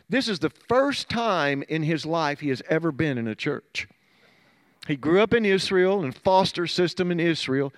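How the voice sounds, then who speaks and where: Middle-aged pastor guy preaching, kinda high voice, dry close sound, gets soft and low telling stories. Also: no echo. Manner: earnest storytelling preacher, drops to soft low tones in stories. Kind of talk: sermon.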